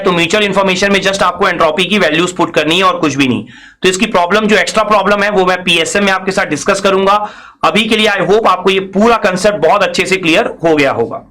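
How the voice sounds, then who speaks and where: Bright, high-pitched man teaching. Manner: explains step by step, asking and answering his own questions; mixes in English technical phrases. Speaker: engineering lecturer. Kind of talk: recorded classroom lecture.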